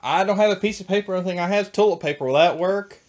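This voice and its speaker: A man on a phone call, talking in a folksy way and playing naive and slow-witted with a straight face. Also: high voice, a little hiss or hum. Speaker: prank call recipient. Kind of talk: deadpan phone prank. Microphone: telephone. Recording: muffled telephone call audio.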